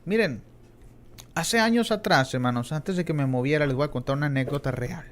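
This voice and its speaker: A man's voice: a little high, a little fast. A middle-aged man preaching a Bible class in a church, earnest and emphatic, often addressing his listeners as brothers. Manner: earnest, repeats "hermanos" often, emphatic rises on key words. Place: church in Texas.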